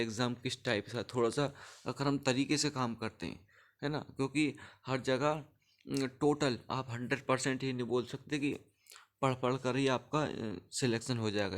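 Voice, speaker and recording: A man's voice: medium pitch, steady tone, unhurried. A young man coaching students for a clerical exam in a casual, conversational teaching style, often checking that they follow along. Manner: conversational, keeps asking for agreement. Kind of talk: casual Hindi tutoring talk.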